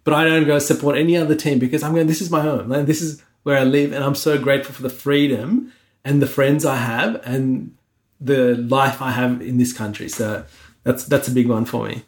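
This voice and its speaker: A man's voice: mid-range voice, steady tone, moderate pace. A middle-aged man from Sri Lanka co-hosting a casual podcast, talking earnestly and reflectively through a list. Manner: earnest, reflective, lists things one by one. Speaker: podcast co-host.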